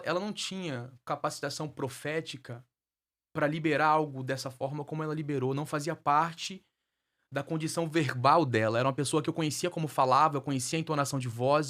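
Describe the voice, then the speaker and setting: A man speaking quickly in a fervent preaching rhythm, his voice a little above the usual male pitch. He tells his story as a testimony and circles back on key phrases to drive them home. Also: fairly bright tone. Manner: fervent, repeats phrases for emphasis. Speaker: guest minister sharing his life story. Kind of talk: emotional testimony with preaching cadence.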